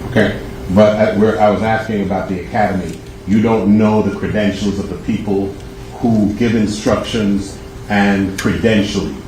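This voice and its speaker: A defense attorney cross-examines a witness in a courtroom, his voice on the low side with fairly even intonation at normal speed. He probes and rephrases his questions, captured in echoey, distant, noisy courtroom audio.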